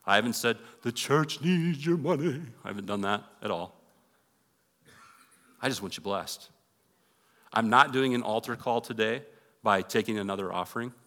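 A man's voice: on the low side, pushed and bright, long reverb tail. A male pastor preaching a conversational sermon in a church and leading an earnest prayer. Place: church sanctuary.

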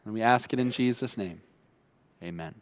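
A man's voice: fairly low pitch, normal speed. A man preaching a sermon as pastor from a church stage at a pulpit microphone, in a chatty, conversational way with filler words.

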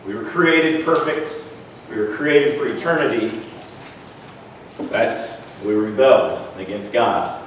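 A man's voice: mid-range voice, lively intonation, slow, long pauses. A man with a weak, thin voice preaching in a conversational style, repeating words and checking for agreement as he goes. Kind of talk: conversational sermon. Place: large echoey room, worship gathering. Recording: echoey room, distant mic, faint noise.

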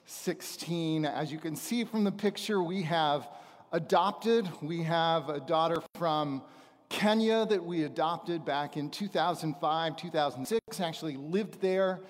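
A man's voice: fairly high pitch, unhurried. Middle-aged man giving church testimony in reverberant hall. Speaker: visiting preacher and missionary trainer. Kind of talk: church testimony, sermon to a congregation. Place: large church auditorium, speaking from a stage.

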